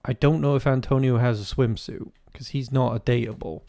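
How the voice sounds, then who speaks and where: A man's voice: medium pitch, fairly even intonation, fairly quick, vocal fry, dark tone, dry recording, clean studio sound. A man giving casual, crude, joking commentary while playing a farming game, rambling and often restarting his sentences. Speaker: gaming video host. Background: faint game music.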